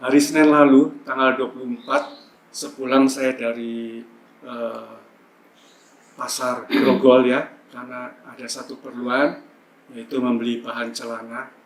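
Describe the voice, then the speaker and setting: A man's voice: medium pitch, little pitch movement, unhurried, a little hiss or hum. A man telling a testimony in a church service, chatty and full of fillers. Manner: chatty, storytelling, frequent fillers. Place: church hall. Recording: echoey church with faint ambience.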